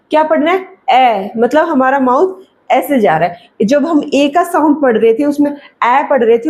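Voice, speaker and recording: A woman with a high voice walks parents through a children's phonics lesson. She models each vowel sound by stretching it out, then asks and answers the same question again and again, checking in after nearly every line. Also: darkish tone. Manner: repeats questions and answers, frequent "ठीक है" check-ins; stretches sounds slowly when modelling them. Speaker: phonics teacher.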